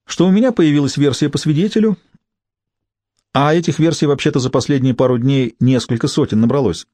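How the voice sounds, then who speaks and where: A man reading the lines of a brisk, wry young policewoman in a recorded audiobook. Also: a little high, mellow, no room sound, lightly acted.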